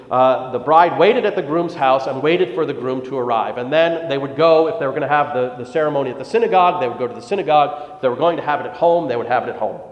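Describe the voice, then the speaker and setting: A pastor delivering a sermon, telling a joke story and then explaining scripture. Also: male voice, fairly high pitch. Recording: echoey hall, dull lo-fi sound.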